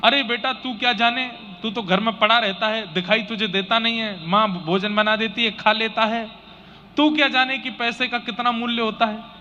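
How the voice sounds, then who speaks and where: Brief: a man doing a poor village dad, high and bright, desperate and scolding, dullish lo-fi sound. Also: fairly even intonation, normal speed. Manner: pleading, scolding. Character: poor anxious village father, desperate over lost money. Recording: slightly dull audio with faint noise.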